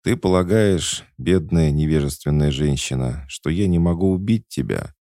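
A man with a deep, gravelly voice reading the lines of a proud, jealous immortal queen who speaks coldly and commandingly. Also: normal speed, warm tone, no echo, clean studio sound. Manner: cold, imperious, mocking.

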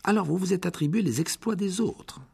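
Man doing a young schoolboy wizard, higher, husky, indignant, earnest. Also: brisk, exaggerated voice.

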